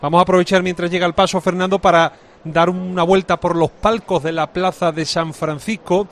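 A man anchors a live broadcast, his voice sitting a little high. He moves things along briskly, asking questions and passing the word to his colleagues. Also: steady tone, fairly bright tone. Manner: brisk anchor handing over to reporters. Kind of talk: live event commentary.

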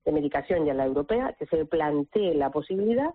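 A woman with a low, husky voice explains her point during a panel discussion. She comes through a thin, tinny phone line. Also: lively intonation, a little fast.

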